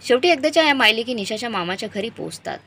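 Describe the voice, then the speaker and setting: A woman's voice: on the high side, animated, very fast, sharp tone. A woman narrating a dramatic moral story, reading with emotional storytelling.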